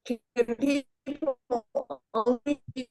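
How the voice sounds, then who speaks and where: A woman talks slowly over a video call, and her audio keeps breaking up and glitching in and out. She often sounds distant, and her words drop away to near silence as she murmurs to herself. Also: high voice, steady tone, a little mellow. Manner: slow, hesitant, murmuring to herself. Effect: choppy video-call audio that keeps breaking up. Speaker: guest author presenting slides. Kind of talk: casual video-call presentation.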